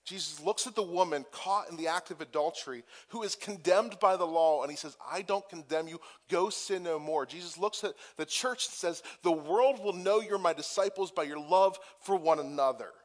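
A man's voice: high voice, normal speed, hardly any pauses. A man preaching a sermon as pastor, moving from conversational asides with restarts to impassioned, emphatic peaks.

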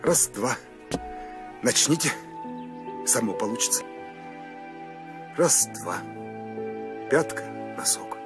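A man's voice: medium pitch, expressive, slow pace, pauses often. An actor in his fifties playing a stern, commanding army captain in a war film. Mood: brisk, commanding. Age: 50s. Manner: commanding, clipped orders. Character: stern Soviet army captain drilling women recruits. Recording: film music under the voice.

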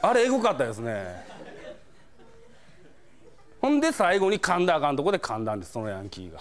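A Kansai-accented comedian tells funny stories in a quick, slightly high voice. He's animated, acting out scenes and chuckling through his punchlines in a comic storytelling monologue.

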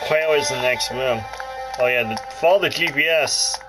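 A man with a mid-range voice and moderate pace hosts a gaming video, giving let's play commentary that is casual, rambling, jokey, and full of self-interruptions. He is indoors about a foot from the handheld console, with game music coming from its speaker.

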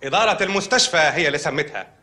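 An actor playing a calm, matter-of-fact hospital doctor in a TV comedy sketch, speaking with an Egyptian Arabic accent. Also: male voice, fairly high pitch, very fast. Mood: deadpan.

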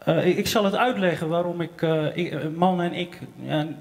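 High-voiced young man telling comic stories. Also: normal speed, creaky. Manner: wry, self-mocking anecdote telling. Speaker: comedian and singer-songwriter. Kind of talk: live stand-up storytelling. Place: small theater stage, open mic night.

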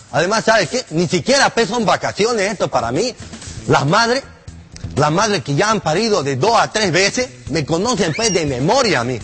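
A man's voice: high-pitched, a bit bright, slightly rough. A man playing an old delivery-room assistant, rambling and swearing as he complains, laughing at his own jokes. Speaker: comedian doing a character monologue. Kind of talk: comic character monologue to camera.

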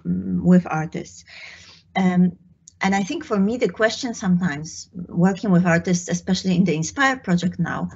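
A hoarse woman who is losing her voice, asking a question on a video call in a halting way as she searches for words. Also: on the low side, darkish tone. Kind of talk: panel discussion. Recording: muffled video call audio.

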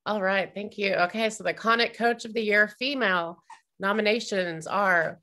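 A woman reads out award nominees over a video call. Her voice is bright and forceful. She takes each name carefully and trips on one or two. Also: medium pitch, moderate pace. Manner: reads names carefully, stumbling on some. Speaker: award presenter.

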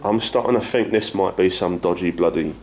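Deep-voiced crude man. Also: brisk, a little mellow, slight background noise. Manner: joking, crude, swears freely. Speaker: urban explorer. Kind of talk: casual banter while exploring. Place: abandoned house indoors.

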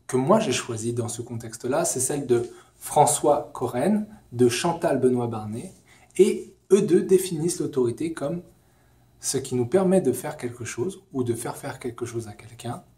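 A young man in his twenties explaining a theory in a casual lesson, lively and gesturing, with many fillers, filmed in an empty lecture hall. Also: medium pitch. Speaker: educational video host.

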